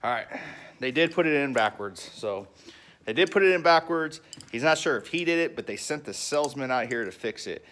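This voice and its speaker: A man talking casually to his viewers outside on his homestead. His voice sits at an ordinary middle pitch, and he talks in a folksy, good-humored way, joking as he goes. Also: animated, brisk, a bit bright. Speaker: homestead vlogger. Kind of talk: casual vlog talk to camera.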